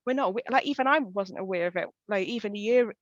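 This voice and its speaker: A woman's voice: medium pitch, fast, no room sound, dull audio. A woman with a Welsh accent, a pelvic health physio, chatting casually in an interview with lots of fillers. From West Wales. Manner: chatty, frequent fillers, quoting herself.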